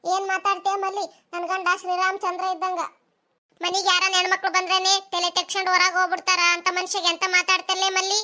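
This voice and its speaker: A woman voicing a sharp-tongued village wife in a cartoon, with a North Karnataka Kannada accent. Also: very high voice, completely flat delivery, fast talker. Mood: indignant. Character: fiery village wife faking her death.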